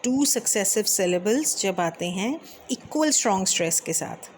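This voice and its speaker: Female lecturer, mid pitch, measured step-by-step explaining, slight background noise. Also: animated. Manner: explains step by step, mixing English terms, frequent fillers; reads verse lines slowly. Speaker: teacher. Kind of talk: Hindi lecture on English poetry.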